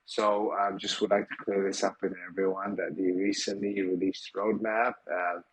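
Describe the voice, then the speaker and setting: A man's voice: low voice, level tone, moderate pace, husky, low-quality recording. A man hosting a live audio chat, talking loosely with lots of fillers and the odd swear. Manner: loose, filler-heavy, informal and a bit profane. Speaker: project team member hosting an AMA.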